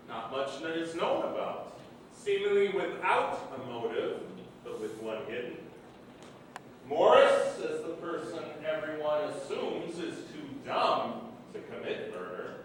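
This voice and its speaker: Brief: an actor as a dry, analytical suspect, unhurried, distant echoey stage sound. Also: male voice, a little high, pushed and bright, slight background noise, heavily acted. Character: analytical male murder suspect. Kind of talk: stage play acting. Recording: echoey stage from far off, faint ambience.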